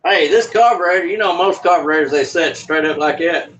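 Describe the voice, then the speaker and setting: A man's voice: a little high, fairly quick, fairly bright tone. A man, hosting a casual livestream and rambling folksily while he works on a carburetor. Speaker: livestream host. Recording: voice from a distance from the mic.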